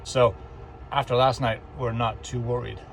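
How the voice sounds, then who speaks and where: A man's voice: mid-range voice, normal speed, vocal fry, soft background music. A man chatting casually for a travel vlog inside a camper van, plain and matter-of-fact. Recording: steady noise, vehicle ambience.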